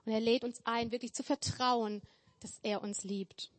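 A woman's voice: a little high, fairly even intonation, moderate pace. A woman preaching a sermon in an earnest, emphatic way, building her points through repetition. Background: church hall with tables.

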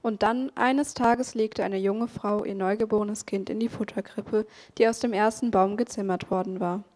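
A woman reading a Christmas story aloud in a calm, expressive way. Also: medium pitch, normal speed. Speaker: story reader. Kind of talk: storybook narration.

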